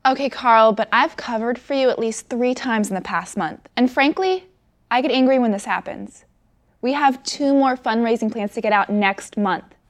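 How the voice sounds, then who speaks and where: A woman's voice: on the high side, moderate pace, lightly acted. An actor playing a female coworker in a workplace role-play scene, speaking in a direct, businesslike way. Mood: assertive. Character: female coworker handling a request. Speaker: actor in a training video.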